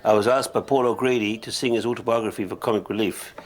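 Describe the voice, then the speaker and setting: A man playing a deadpan, self-important rock star. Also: lowish voice, fast, music in the background, lightly acted. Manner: deadpan, rambling with fillers. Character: vain, oblivious middle-aged male rock musician. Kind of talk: mockumentary monologue.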